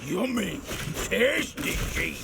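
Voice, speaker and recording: An actor playing a dim-witted, cheerful, hungry ogre brute in a video game, with gravelly, simple caveman speech. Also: high-pitched, big pitch swings, takes it slowly, exaggerated voice. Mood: greedy, content. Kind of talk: video game character acting. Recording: music behind the voice.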